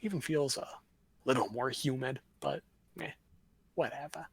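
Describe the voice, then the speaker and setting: A man's voice: mid-range voice, normal speed, husky, dry recording, rough recording. A man narrating a tabletop game as game master on a livestream, in a loose, rambling style. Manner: casual, rambling narration with fillers.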